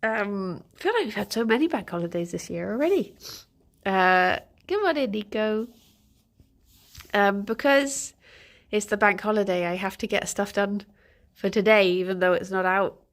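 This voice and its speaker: It's a laid-back morning stream: a congested young woman chats, giggles and says hello to viewers by name. She speaks at a moderate pace with a medium-pitched voice.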